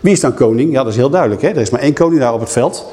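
A man's voice: mid-range voice, animated, rapid-fire, mellow. Conversational preacher man in reverberant hall. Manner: conversational, frequent tag questions. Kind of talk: sermon.

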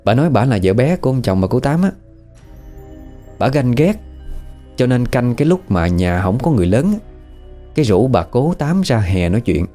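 A man's voice: mid-range voice, mellow. A man with a Southern Vietnamese accent telling a horror story in a chatty, conversational way, often asking the listener questions. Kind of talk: casual spoken horror storytelling.

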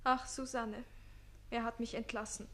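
A woman's voice: fairly high pitch, flat delivery, a little slow, natural voice. An actress playing a lovesick, impulsive teenage page boy in a classic radio play, speaking in a breathless, gushing, pleading way. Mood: plaintive.

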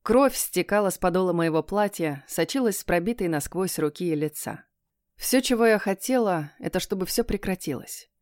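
A woman narrating a first-person fantasy audiobook in a hushed, tense storytelling manner. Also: lowish voice, expressive, moderate pace, dry recording, clean studio sound.

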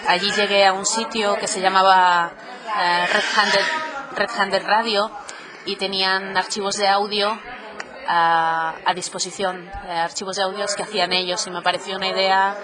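Hesitant woman with a flat voice, crowd behind. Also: medium pitch, normal speed. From Catalonia, Spain. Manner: hesitant, with many fillers. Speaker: podcaster, guest. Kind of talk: casual interview.

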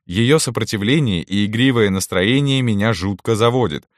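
A man reading a first-person romance story aloud in a calm, intimate storytelling manner. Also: fairly low pitch, moderate pace, dry recording, clean studio sound. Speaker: audiobook narrator.

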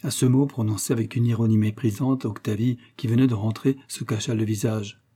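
A man with a husky, dark voice reads a classic novella aloud. His narration is measured and even, with a mellow tone throughout. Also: lowish voice. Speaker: audiobook narrator. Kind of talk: scripted literary narration.

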